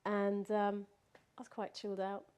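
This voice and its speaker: A woman's voice: mid-range voice, monotone, normal speed, darkish tone, smooth. Woman telling a story with laughs. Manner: laughs often, with many fillers and restarts. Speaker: guest recounting a personal experience. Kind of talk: casual spoken storytelling.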